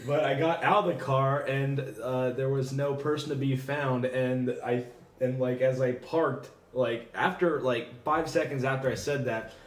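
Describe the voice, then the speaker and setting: A man hosting a casual podcast, telling stories in a rambling way, full of fillers and quick laughs. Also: medium pitch, steady tone. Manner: rambling, filler-heavy storytelling with frequent laughter. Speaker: podcast host. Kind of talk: casual chat. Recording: roomy echo.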